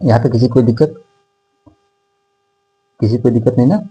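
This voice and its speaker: Teaching decimals in a whiteboard classroom, this man speaks in a warm, husky, mid-range voice, captured on poor audio. He's repetitive, dictating each number slowly one digit at a time and constantly asking "theek hai."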